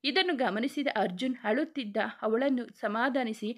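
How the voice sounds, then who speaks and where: A woman's voice: fairly high pitch, moderate pace. A woman reading a dramatic story aloud as a storyteller, in her own voice, with light changes for the characters' lines. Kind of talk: scripted story narration.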